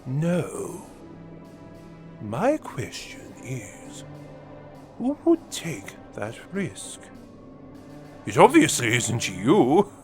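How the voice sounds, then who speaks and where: A man's voice: medium pitch, huge pitch swings, music in the background, full character voice. A man playing a menacing, gloating villain mastermind in a fan audio drama monologue, with a sneering, theatrical delivery. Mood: mocking, accusing. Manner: theatrical, sneering, drawn-out delivery swinging between whispers and outbursts.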